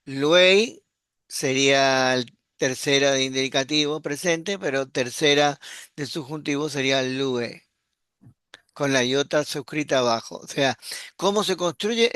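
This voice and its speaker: Male language teacher, smooth clear voice, unhurried online lesson. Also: medium pitch, fairly bright tone, no echo, studio quality. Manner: patient, explanatory, checks in with "¿sí?". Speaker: Greek teacher. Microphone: computer mic while screen sharing.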